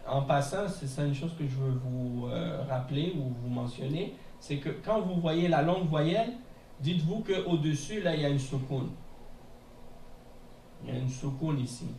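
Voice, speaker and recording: A man teaching a beginners' class in a mosque classroom, explaining patiently and repeating words slowly, often checking with "hein?". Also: a little high, expressive, dark tone. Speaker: Arabic teacher. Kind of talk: classroom lesson. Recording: echoey room from a distance, faint noise.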